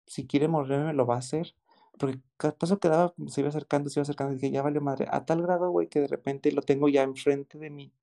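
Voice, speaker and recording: Excitable Mexican man with a mellow voice. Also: medium pitch, gravelly. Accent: Mexican Spanish. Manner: excited, slangy, repeats exclamations. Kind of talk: casual chat, storytelling.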